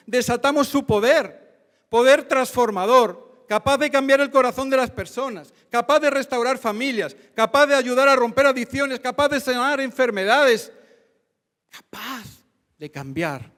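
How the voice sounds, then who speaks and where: A male pastor with a Spain Spanish accent delivers a fervent sermon, building to emphatic repeated phrases. His voice sits fairly high for a man. A long hall reverb trails his words in the church hall. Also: a bit bright. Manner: fervent preaching with rising emphatic lists.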